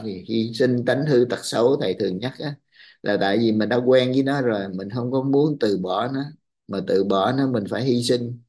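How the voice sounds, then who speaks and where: A man giving a calm spiritual talk, quoting verses and explaining them. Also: medium pitch. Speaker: religious teacher.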